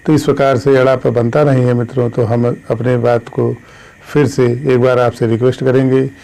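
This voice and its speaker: A man teaching an online English grammar lesson, slowly dictating letters and spellings and addressing his viewers as friends. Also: medium pitch, level tone, vocal fry, dark tone, low-quality recording. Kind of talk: classroom-style online lesson.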